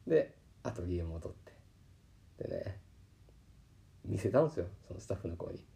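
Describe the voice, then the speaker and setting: A man with a Kansai accent hosting a podcast, telling a story in a casual, animated way and acting out the people he quotes. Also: deep voice, normal speed, creaky. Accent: Kansai Japanese. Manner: animated, acts out quoted voices. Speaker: podcast host. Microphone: podcast microphone.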